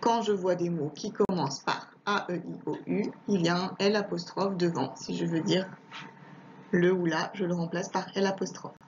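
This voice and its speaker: A woman teacher giving a home lesson to a young child, patient and slow, repeating words and spelling out letters one by one. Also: lowish voice, fairly even intonation, noisy background. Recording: dull lo-fi home recording.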